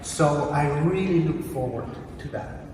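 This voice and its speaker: A man's voice: fairly high pitch, animated. Middle-aged man in an echoey hall. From Mexico. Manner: measured, reflective, searches for words. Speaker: professor and program director. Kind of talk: answering interview questions. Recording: echoey hall, distant mic, background noise.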